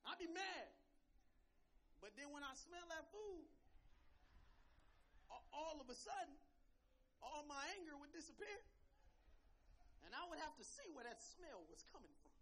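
A man preaching a lively, humorous sermon as co-pastor, telling family stories and calling out to the congregation. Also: very high voice, moderate pace, long pauses. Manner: animated, humorous, call-and-response with the congregation. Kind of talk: live storytelling sermon.

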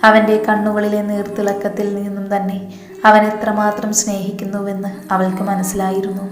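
A woman narrating a romance story in a steady, even reading manner, in an echoey room. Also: mid-range voice, a little fast.

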